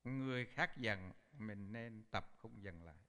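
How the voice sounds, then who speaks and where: A low, gravelly male voice preaches a Buddhist sermon. He tells a story with lively energy and slips into the voices of the people he quotes. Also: measured pace. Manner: animated storyteller, acts out quoted speech. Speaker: Buddhist teacher.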